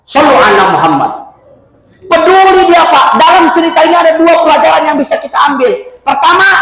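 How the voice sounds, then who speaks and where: A male preacher, giving a humorous sermon with lively storytelling and emphatic shouting. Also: very high-pitched. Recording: echoey hall with faint noise.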